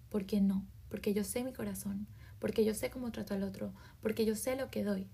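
A woman hosting a self-help podcast, talking emphatically with many rhetorical questions and slangy asides, often dropping into soft half-whispers. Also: fairly high pitch, creaky, husky. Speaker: podcast host. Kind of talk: motivational self-help monologue.

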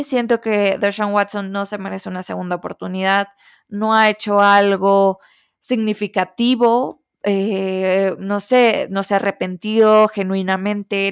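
A woman's voice: medium pitch, smooth, dry recording, clean studio sound. A young woman hosting a casual solo sports podcast, giving her opinions while thinking aloud with lots of fillers and restarts.

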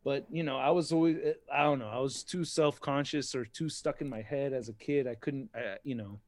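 A man's voice: medium pitch, fairly even intonation, moderate pace, no room sound. A man chatting casually as a guest, rambling with lots of fillers and restarts, often laughing at himself. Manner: laughs often, self-deprecating. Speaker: interview guest. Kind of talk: casual podcast chat.

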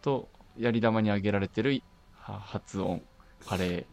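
A man with a Nagoya accent, a podcast co-host chatting in a relaxed, offhand way with quick reactions. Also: on the low side, gravelly. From Nagoya, Japan. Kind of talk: casual chat.

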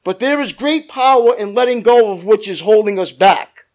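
A male pastor with a strikingly high voice preaches into a pulpit microphone. He delivers his sermon in measured phrases and keeps asking the congregation for an amen. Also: expressive, a little mellow. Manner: calls out for amens from the congregation.

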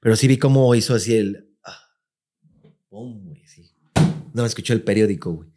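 A man with a Mexican accent, chatting casually as a podcast co-host, telling an animated story full of slang and acted-out quotes. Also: on the low side, fairly quick, noisy background. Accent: Mexican Spanish. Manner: animated, acts out quotes in raised voice, heavy slang.

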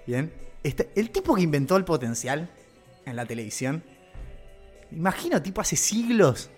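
A man's voice: on the high side, big pitch swings, normal speed, a little mellow, slightly rough. A man with a Rioplatense Argentine accent giving a rambling, joking live-stream monologue, often interrupting himself with slang. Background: faint background music.

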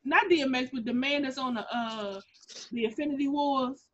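A young woman co-hosting a podcast in casual chat, animated and laughing, often jumping into high-pitched impressions. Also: moderate pace. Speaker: podcast co-host. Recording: muffled lo-fi audio.

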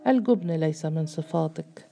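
A woman's voice: deep voice, lively intonation, normal speed, creaky, dark tone. A woman voicing a menacing, scornful man in a storybook reading, with a sneering, mocking delivery.

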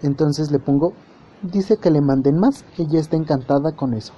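A man's voice: a little high, moderate pace, dark tone, breathy edge, muffled recording. A man hosting a podcast, wryly recounting chat messages in a jokey, casual way. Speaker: podcast host.

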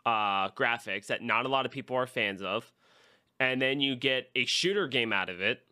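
A man's voice: mid-range voice, bright, forceful tone. A man co-hosting a casual podcast, rambling through his opinions with lots of fillers. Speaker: podcast co-host. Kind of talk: casual chat.

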